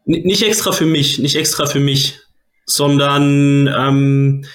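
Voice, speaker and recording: A man from Switzerland, a guest coach, answering interview questions in a relaxed way, laughing often and tagging "ne?" onto his sentences. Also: mid-range voice, slow. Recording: echoey room.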